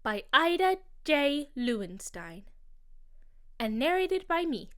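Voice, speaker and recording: A woman narrates a rhyming picture book for children, her voice very high and bright. She takes her time, lingering on each line in a sing-song rhythm with lively rises and falls. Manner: slow, expressive, sing-song rhyming delivery. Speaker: storybook narrator.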